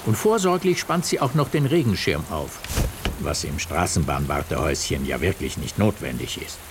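A man narrating a children's radio story in an expressive storytelling manner. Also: very deep voice, moderate pace, vocal fry, background noise.

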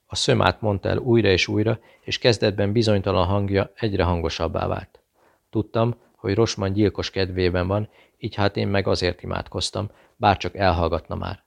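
A man reading a novel aloud as an audiobook narrator, in a steady, measured delivery. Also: low-pitched, creaky.

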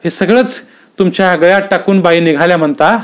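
A man's voice: sits high, a little fast, voice pushed up, close to an everyday voice. A man voicing an anxious middle-aged wife who speaks in a worried, warning way.

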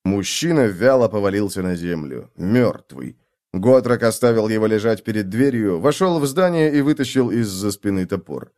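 Expressive male audiobook narrator. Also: fairly low pitch, normal speed. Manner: expressive storytelling, voices each character. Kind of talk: audiobook reading of a fantasy novel.

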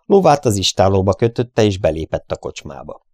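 A man narrating an adventure audiobook in an even storytelling manner. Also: deep voice, dry recording, clean studio sound. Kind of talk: scripted narration.

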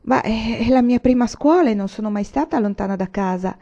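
A woman's voice: fairly high pitch, brisk, warm tone, dull audio, natural voice. Woman reading as an anxious teenage girl. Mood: shy. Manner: earnest, worried pleading. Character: shy teenage girl, anxious new teacher.

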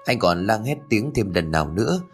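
A man voicing a brisk young female nurse who scolds a patient, in an audio story. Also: lowish voice, sing-song, soft background music. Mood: stern. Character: stern young woman hospital nurse.

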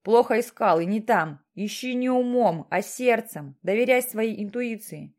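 A woman's voice: on the high side, expressive, a little slow, darkish tone. A woman voicing a stern, mysterious voice from the sky that questions and lectures insistently.

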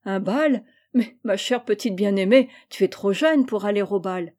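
A woman doing a doting, soft mother. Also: mid-range voice, moderate pace, natural voice. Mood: tender. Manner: tender, coaxing.

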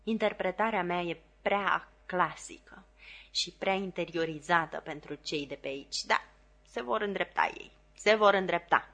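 A vain, pompous male stage actor, played by a woman reader in a storybook reading. He speaks with a lofty, self-important air and a somewhat low voice. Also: fairly bright tone.

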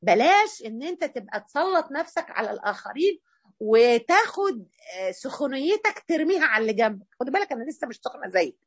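A woman with an Egyptian accent giving a religious lesson in a colloquial, emphatic and animated way. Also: high-pitched, quick pace, slightly rough, no room sound. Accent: Egyptian Arabic. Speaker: female Islamic preacher.

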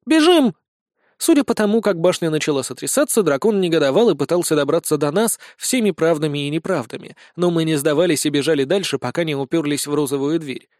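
A man narrating a comic fantasy audiobook with lively, brisk storytelling. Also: a little high, dry recording, studio quality.

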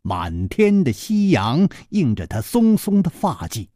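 A man narrating a Chinese storytelling reading, expressive and measured. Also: on the high side, dry recording, clean studio sound.

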